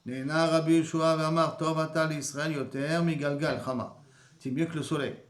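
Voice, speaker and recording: A man's voice: on the high side, steady tone, normal speed. A man giving a Talmud class, reading Aramaic phrases and explaining them in casual French. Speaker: rabbi teaching Talmud. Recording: echoey room.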